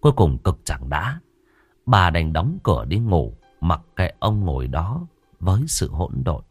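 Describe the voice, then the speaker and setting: A man's voice: deep voice, very animated, a little slow, breathy edge, dry recording, faint music behind. A man narrating a ghost story expressively.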